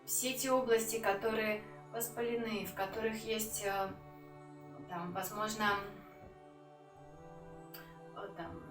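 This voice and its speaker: A woman giving an instructional breathing lesson as a yoga teacher, calm and unhurried, with pauses between phrases. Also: mid-range voice. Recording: roomy echo, distant mic, music.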